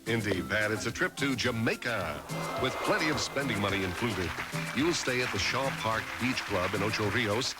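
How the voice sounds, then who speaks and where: A man reading a scripted prize announcement in a booming game show announcer style. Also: expressive, moderate pace. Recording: TV show with loud music, crowd. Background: loud music and studio crowd.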